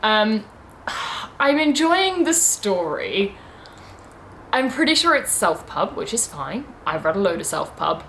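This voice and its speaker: A woman's voice: medium pitch, big pitch swings, takes it slowly, creaky, a bit bright, slight background noise. Chatty woman rambling about books. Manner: chatty, rambling, many "like" and "um" fillers. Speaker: book vlogger. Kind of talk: casual reading vlog chat.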